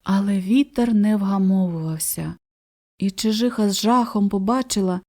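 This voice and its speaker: A woman narrating a fairy tale audiobook for children in a gentle, expressive way. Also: mid-range voice, normal speed. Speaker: storyteller.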